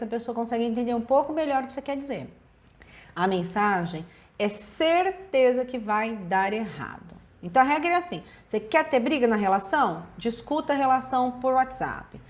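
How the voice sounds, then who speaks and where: A woman psychologist with a Brazilian accent giving relationship advice in a direct, emphatic way, speaking straight to viewers. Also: high-pitched. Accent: Brazilian Portuguese.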